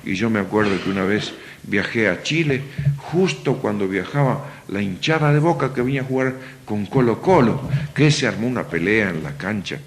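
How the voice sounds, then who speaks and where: A man's voice: on the low side, animated, moderate pace, slight background noise. An older man with a Rioplatense Spanish accent, preaching a sermon in a conversational style with rhetorical questions to the congregation. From Argentina.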